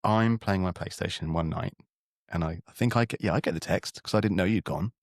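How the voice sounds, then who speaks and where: Low-voiced man, podcast co-host. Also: brisk, no echo, clean studio sound. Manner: self-mocking, playful banter. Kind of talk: casual chat.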